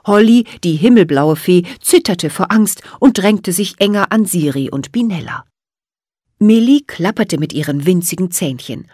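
A woman reads a children's storybook aloud, with a lively voice that swoops up and down for drama. The recording is close and dry, with no room sound. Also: fairly low pitch, normal speed, husky, no echo. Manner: expressive, dramatic reading. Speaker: audiobook narrator. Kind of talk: storybook narration.

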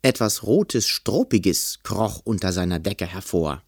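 A man reading a children's storybook aloud with a lower voice that moves a lot in pitch. He brings each scene to life expressively, and the sound is close and dry. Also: expressive, a little slow, breathy edge, no room sound. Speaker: narrator.

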